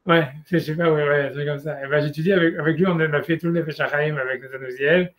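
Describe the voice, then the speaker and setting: A man's voice: a little high, steady tone, quick pace, fairly bright tone. A middle-aged man in casual chat, rambling with many restarts as he explains his study groups.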